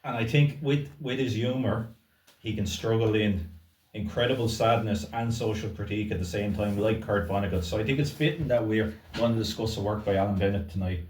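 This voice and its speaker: A man with an Irish accent, a bookseller co-hosting a casual book chat, talking thoughtfully with pauses and easy laughs. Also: on the low side, a little mellow. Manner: thoughtful, hesitant, laughs easily. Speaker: bookseller, co-host. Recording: roomy sound, distant mic.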